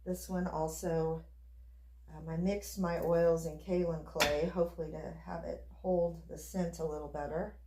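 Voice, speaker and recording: A woman giving a casual, chatty craft demonstration, unhurried and sometimes half talking to herself as she works. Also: low-pitched, level tone, dark tone, a little hiss or hum. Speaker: soap maker demonstrating her craft. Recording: echoey room.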